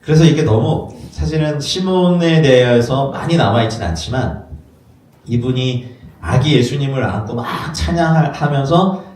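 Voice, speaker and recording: A man preaching a sermon as a pastor, lively and acting out little dialogues in playful voices. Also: medium pitch, moderate pace, a little hiss or hum. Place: church hall. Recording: echoey room from far off.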